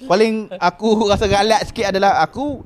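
A high-pitched man, in his thirties, talks casually about his kids. He jokes often and laughs through his stories. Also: brisk. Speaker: podcast guest father. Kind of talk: casual chat.

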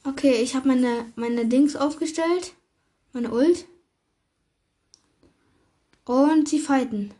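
A young woman hosting a gaming video, chatting casually with slang and excited gasps while she plays. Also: sits high, slow, long pauses.

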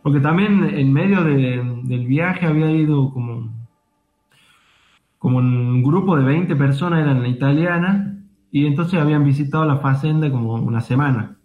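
An Argentine man in his young adult years speaks as a guest. He reflects slowly and pads his sentences with small fillers. His voice sits a little high and comes through a narrow, phone-like line from a remote call. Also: faint music behind. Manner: reflective, hedging with frequent fillers. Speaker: interview guest. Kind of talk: casual conversation.

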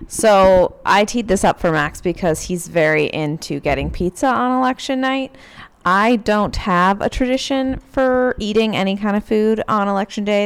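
A woman's voice: lowish voice, smooth. A woman with a standard American accent, co-hosting a podcast in casual banter with a dry, teasing manner. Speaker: podcast co-host.

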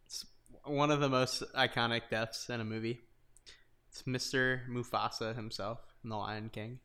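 Enthusiastic bright-voiced man. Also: mid-range voice, fairly even intonation, normal speed, smooth. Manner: enthusiastic, laughing. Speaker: co-host. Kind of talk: casual chat.

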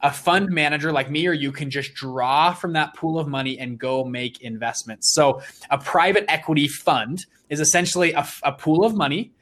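A man's voice: fairly high pitch, normal speed, few pauses. A young man in his twenties, an interview guest, telling his story with energy and enthusiasm. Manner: energetic, enthusiastic, with frequent restarts.

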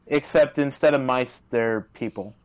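A man's voice: mid-range voice, unhurried, smooth, poor audio. A man chatting casually on a call, rambling and hesitant, with many fillers and restarts. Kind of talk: casual chat. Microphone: remote call.

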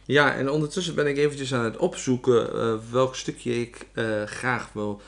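A man's voice: medium pitch, fairly even intonation, moderate pace, creaky, a bit bright. Hesitant man discussing a children's book. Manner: hesitant, many fillers. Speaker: podcast co-host. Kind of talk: casual book discussion and reading aloud. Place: home living room.

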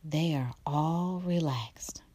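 A woman guiding a relaxation meditation in a soft, slow, partly whispered delivery. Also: low-pitched, slightly rough. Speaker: meditation guide.

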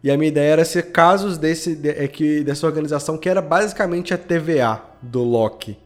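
He speaks at a fairly quick pace in a fairly high-pitched voice, a man from Belo Horizonte with a Minas Gerais Brazilian accent. As a guest on a podcast, this audio drama podcast creator chats casually and shares anecdotes in slang. Music runs in the background.

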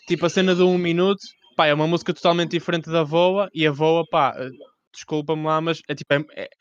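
A man's voice: a little high, fairly even intonation, a little fast, clean tone, dry recording, lo-fi sound. A young man with a European Portuguese accent chatting casually as an interviewer, informal and full of slang and swearing. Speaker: podcast host interviewing a rapper.

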